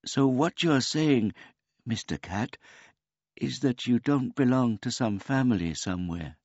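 A man voicing a simple, gentle old man who speaks of himself in the third person in a meek, courteous way. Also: mid-range voice, expressive, measured pace, no room sound, highs cut off, voice pushed up. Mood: earnest.

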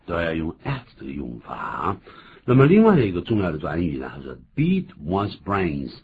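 A deep-voiced man leads a bilingual radio English lesson, stressing pronunciation points like an insistent teacher. His pitch swings hugely while his pace stays moderate, and the recording sounds tinny and phone-like with light noise.

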